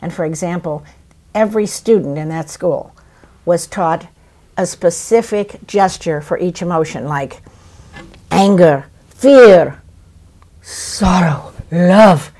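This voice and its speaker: A woman in her seventies, an actress and playwright, telling stories in an animated, theatrical way during an interview. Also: lowish voice, a little slow. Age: 70s. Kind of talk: interview conversation.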